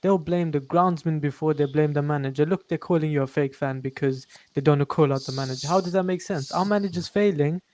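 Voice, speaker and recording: Slightly high-voiced man, faint noise. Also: brisk, hardly any pauses, darkish tone. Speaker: podcast co-host. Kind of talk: casual football podcast chat.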